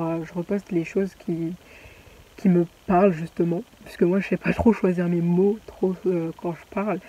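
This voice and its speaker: A woman's voice: fairly low pitch, dark tone, rough recording. A young woman vlogging casually, rambling with many fillers and restarts. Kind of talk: casual chatty vlog.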